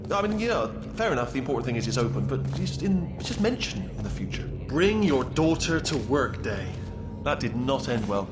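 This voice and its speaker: A man voicing a nervous, chatty male robot sidekick who rambles, stammers and gets excitable. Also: medium pitch, a little fast, lightly acted. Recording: echoey game audio with loud music.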